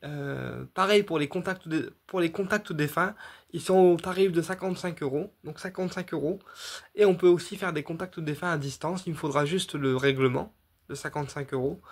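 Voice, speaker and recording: A man, a medium casually explaining his readings straight to his viewers, rambling with many fillers, restarts and repetitions. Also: fairly high pitch. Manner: addresses viewers directly, checking in with "d'accord". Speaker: medium offering paid readings. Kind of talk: casual direct-to-camera explanation.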